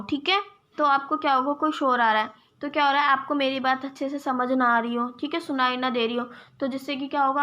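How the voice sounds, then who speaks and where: A woman's voice: high-pitched, sharp tone. A young woman teaching an exam-prep lesson, explaining step by step and checking in with her viewers as friends. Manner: addresses viewers as "friends", gives examples.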